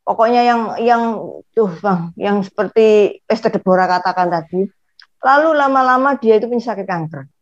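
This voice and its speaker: A woman speaks earnestly in an online church Q&A, repeating phrases as she tells her story. Her voice sits at a middling pitch. The call audio is dull and muffled. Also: moderate pace. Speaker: congregant asking a question.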